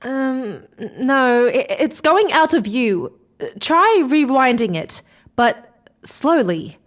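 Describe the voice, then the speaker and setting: An inquisitive woman plays a space explorer in a sci-fi audio drama, her high voice very lively and her temper excitable. She delivers lines slowly, hesitantly and questioningly, with an urgent mood.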